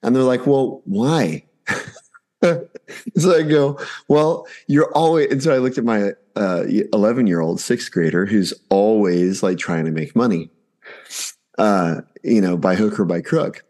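Lively low-voiced storyteller, a man. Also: unhurried. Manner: animated, acts out family dialogue. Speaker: podcast guest. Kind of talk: casual anecdotal storytelling.

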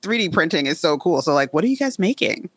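A woman hosting a podcast interview, enthusiastic and quick to laugh. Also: deep voice, very animated, dry recording. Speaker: podcast host. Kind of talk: casual interview.

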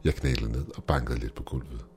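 Man, horror story narrator, extremely deep voice, calm measured delivery, faint music.

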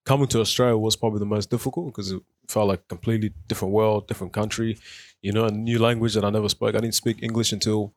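On community radio, a South Sudanese man in his twenties is the guest, telling his life story in a studio interview. His voice sits on the low side with fairly even intonation and a quick pace, and there's no room sound. He speaks thoughtfully, with many fillers and restarts.

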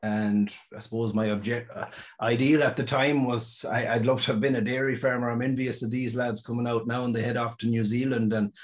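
A man with a west of Ireland accent chatting in an interview, halting and restarting his phrases as he goes. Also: medium pitch, steady tone. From County Mayo, west of Ireland. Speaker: interview guest, farmer. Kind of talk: casual interview talk.

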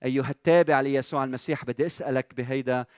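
A man with a Lebanese Arabic accent preaching a sermon as pastor, animated and asking the congregation questions with rising emphasis. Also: medium pitch, very fast, no echo, clean studio sound.

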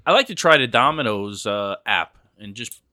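A man's voice: on the low side, expressive, normal speed, bright, forceful tone, dry recording, studio quality. A man in his late thirties co-hosting a podcast, tossing in crude jokes and laughing. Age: 30s. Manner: laughing, joking crude asides. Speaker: podcast co-host. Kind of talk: crude casual banter.

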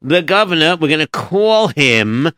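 A male storyteller on a children's story show dryly and patiently teases his constantly interrupting sidekick. His bright voice moves a lot in pitch with a sing-song, unhurried delivery, recorded close and dry with no room sound.

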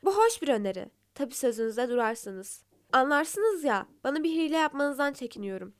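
A woman's voice: sits high, very animated, moderate pace. A woman voicing a furious, boastful male lion king in a storybook fable. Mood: wary. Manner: roaring, boastful.

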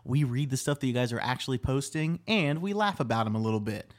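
A man's voice: medium pitch, fast talker. A man co-hosting a comedy podcast, joking around and reading posts aloud to his co-hosts. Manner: joking, reads posts aloud, breaks into laughter. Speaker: podcast co-host. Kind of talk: casual comedic banter.

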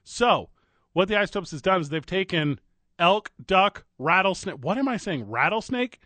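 A man's voice: sits high, animated, moderate pace, bright, forceful tone, dry recording. A man from St. Louis co-hosting a radio show, chatting casually in a playful, rambling, slangy way. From St. Louis, USA. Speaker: radio co-host.

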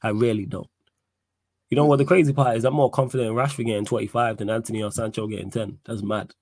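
A man with a London roadman accent hosts a casual live football chat. His voice is husky and sits at a middling pitch, recorded dry. He leans on street slang and repeats phrases to drive his points home. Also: steady tone, fast, a little mellow, no room sound. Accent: London, urban slang. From United Kingdom. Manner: slangy street-style talk, repeats himself for emphasis. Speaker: host of a football fan livestream.

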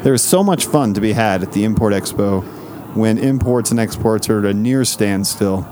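Deadpan low-voiced man cohosting. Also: moderate pace, slight background noise. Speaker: podcast co-host. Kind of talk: casual comedic podcast banter.

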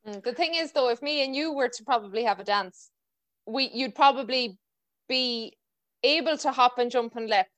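A woman with a west of Ireland accent chats casually as a podcast host. Her voice sits a little high, and the sound is fairly dry and close. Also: normal speed, a bit bright, no room sound. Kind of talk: casual conversational interview.

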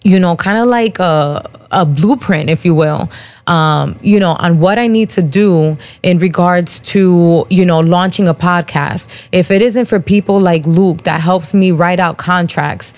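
Unhurried and darkish in tone, this fairly low-voiced podcast host from New Jersey, USA, is a woman in her thirties talking straight to her audience. She rambles through a casual personal monologue, candid, slangy, and dropping plenty of "um"s.

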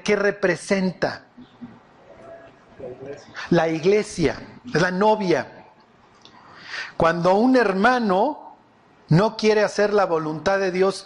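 A man preaching a sermon, animated and often quizzing his audience with questions. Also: high voice.

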